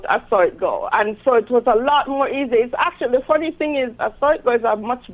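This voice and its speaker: A woman's voice: high-pitched, fast talker, narrow, tinny audio. A woman talking conversationally as an interview guest about her own work. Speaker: interview guest, self-published author.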